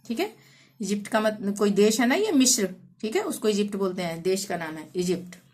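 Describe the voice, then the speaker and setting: A woman's voice: medium pitch, animated, brisk, darkish tone. A woman teacher explaining pronunciation rules patiently, spelling out words letter by letter and repeating each rule. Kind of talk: language lesson.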